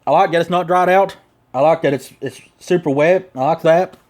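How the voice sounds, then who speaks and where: His lip stuffed with dip, a Southern-drawling man rambles through a laid-back product review, folksy and loaded with slang. The voice sits a bit high, the tone is on the dark side, and he moves at a fairly quick clip.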